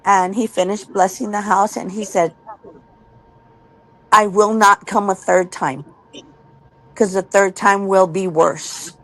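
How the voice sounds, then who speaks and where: A woman's voice: mid-range voice, steady tone, takes it slowly, pauses often, rough recording. A woman telling a personal ghost story in an earnest, casual way, repeating words when she gets tense.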